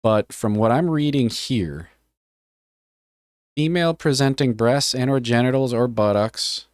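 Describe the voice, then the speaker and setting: A man's voice: mid-range voice, measured pace, darkish tone, dry recording, clean studio sound. A man streaming live, reading a policy aloud and joking casually with his chat, often swearing. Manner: joking, offhand, swears freely.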